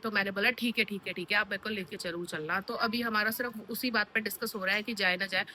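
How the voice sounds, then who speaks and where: Young woman vlogger, tired and chatty, bright voice, filming on her phone at home. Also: mid-range voice, steady tone, fast talker, a little hiss or hum. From Uttarakhand hills. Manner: chatty, addresses viewers as friends. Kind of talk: casual vlog chat. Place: home, then outdoors in Delhi traffic.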